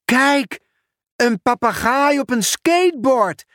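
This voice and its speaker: A man doing an excited young schoolboy. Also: sits high, slow pace, no room sound, clean studio sound, pitched above the performer's own voice, full character voice. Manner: excited exclaiming.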